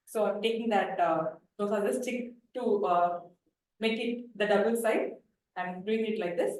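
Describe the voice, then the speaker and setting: A woman, a volunteer narrating her actions step by step with small pauses. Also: mid-range voice, a little mellow. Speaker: volunteer participant. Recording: echoey hall, far from mic, faint noise.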